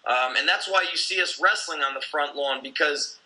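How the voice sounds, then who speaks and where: Man, forties, very bright voice, slightly high pitch, blunt, intense, swearing, casual podcast talk. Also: moderate pace, rough recording. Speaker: gym owner and coach.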